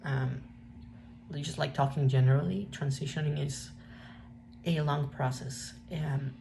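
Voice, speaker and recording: A young woman with a Mexican accent, native Spanish speaker, talking through a reflective personal vlog in a halting way with many restarts. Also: low voice, gravelly. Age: young adult. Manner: hesitant, halting, frequent restarts and fillers. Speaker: vlogger. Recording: steady background noise.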